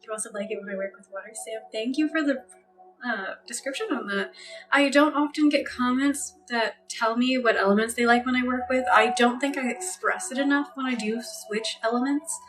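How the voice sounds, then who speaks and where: A woman hosts a reiki healing live stream, talking to her viewers in a gentle, soothing, casual way. Her voice sits a bit high and comes from slightly off the microphone. Clear background music plays steadily under her words. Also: moderate pace, far from the mic. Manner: soft-spoken, thanks viewers by name, gentle and soothing. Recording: music playing behind, voice a bit off-mic.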